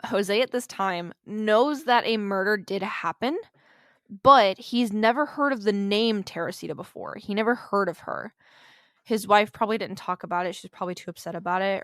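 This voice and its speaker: A woman's voice: medium pitch, normal speed, a bit bright, dry recording, studio quality. A woman hosting a podcast, telling a true-crime story in a chatty way, swearing freely and dropping in jokes and asides. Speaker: podcast host.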